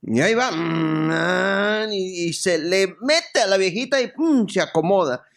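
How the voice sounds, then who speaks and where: A man's voice: high-pitched, unhurried. A male pastor from Mexico, preaching a sermon, telling humorous stories and then reading scripture aloud. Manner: storytelling with lively jokes and scripture reading.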